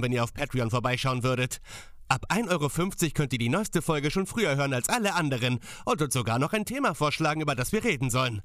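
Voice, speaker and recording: A man's voice: on the high side, fairly bright tone, dry recording, studio quality. A man hosting a casual, comedic podcast, chatting and reading aloud. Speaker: podcast host.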